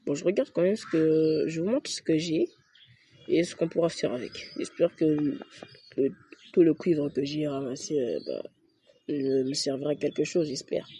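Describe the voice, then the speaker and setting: A young man, chatting slowly through his game and muttering to himself. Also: fairly high pitch, lively intonation, creaky, warm tone, husky. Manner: talks to himself, mutters and swears at mistakes. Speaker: gaming youtuber. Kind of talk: casual let's-play commentary.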